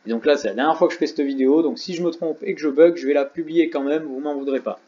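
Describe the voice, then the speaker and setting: A man's voice: fairly high pitch, quick pace, dark tone. Man, tired tutorial host, chatty with joking asides; echoey room, slightly muffled audio. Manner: chatty, self-mocking asides. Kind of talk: casual screen tutorial. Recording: roomy, slightly dull sound.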